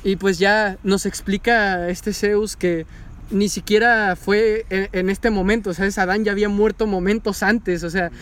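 A man, chatting casually about an anime in an animated, excitable way, swearing freely. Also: high voice, measured pace. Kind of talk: casual chat recapping an anime.

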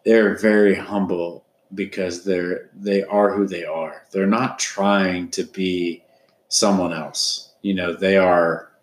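A man in his thirties talks sports on a podcast in a deep, low voice. He rambles and repeats himself, circling back to his points. The room around him rings with echo. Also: steady tone, takes it slowly. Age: 30s. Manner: rambling, repeats words, many restarts. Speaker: podcast co-host. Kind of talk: casual sports chat.

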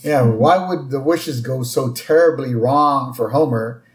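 A man co-hosting a podcast, chatting casually as he recaps a cartoon episode and slips into quick character voices. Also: mid-range voice, echoey room. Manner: retells scenes with quick put-on character lines. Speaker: podcast co-host.

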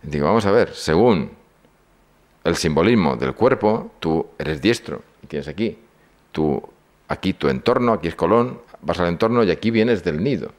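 A man's voice: low voice, animated, normal speed, darkish tone. An older man giving a lecture, telling stories and acting out the dialogue in them. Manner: storytelling, acts out dialogue. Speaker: speaker on psychology and symbolism.

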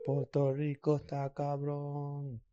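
A man's voice: a little high, monotone, slow pace, muffled recording, background noise. A man co-hosting a podcast, joking in casual, slangy banter. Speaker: podcast co-host. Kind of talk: casual chat.

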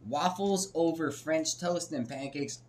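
A man chatting casually about food in an animated, emphatic frat-bro manner, full of slang and swearing. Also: fairly high pitch, unhurried.

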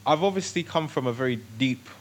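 Relaxed man chatting as a guest. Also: medium pitch, a little fast, a little hiss or hum. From North London, England. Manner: relaxed, with frequent fillers and agreeing "yeah"s. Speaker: podcast guest. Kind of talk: casual conversational interview.

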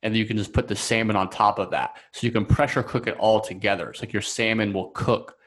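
A man speaking as a podcast guest in a relaxed, rambling way, full of fillers and self-corrections. His voice sits on the low side. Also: a little fast, slight background noise. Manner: rambling, chatty, many fillers and restarts. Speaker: coaching client guest. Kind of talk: casual podcast conversation.

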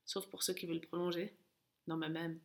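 Creaky-voiced woman coaching runners. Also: fairly low pitch, flat delivery, brisk. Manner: urging, encouraging coach calling countdowns and commands. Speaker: running coach and podcast host. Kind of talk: guided interval-training coaching. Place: at home, indoors.

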